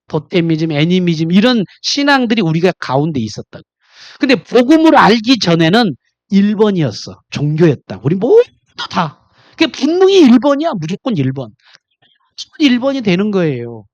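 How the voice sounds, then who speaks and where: Lively, emphatic man preaching. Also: no room sound. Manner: animated, quizzes the congregation directly; swings from loud emphatic to low confiding tones. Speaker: pastor. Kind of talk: sermon.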